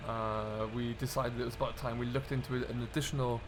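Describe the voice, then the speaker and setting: There's clear vehicle and ambient noise in the background as a British gaming host, in character as a farm contractor, works through a farming role-play. His medium-pitched voice moves little in pitch and stays brisk while he casually chats and thinks aloud.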